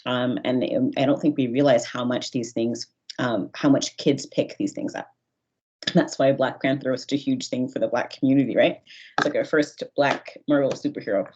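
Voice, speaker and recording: A woman's voice: extremely low pitch, steady tone, normal speed, a little mellow, slightly rough, dull audio. A woman giving an earnest, conversational workshop talk over a video call, with many fillers and restarts. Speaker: guest speaker. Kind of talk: online workshop presentation.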